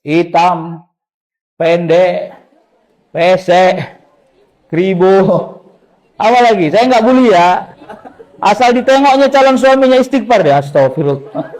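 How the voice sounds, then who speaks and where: Brief: male preacher with a Medan accent, high voice, humorous storytelling sermon. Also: takes it slowly, pauses often, rough recording. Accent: Medan Indonesian. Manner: lively, joking, storytelling. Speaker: Islamic preacher.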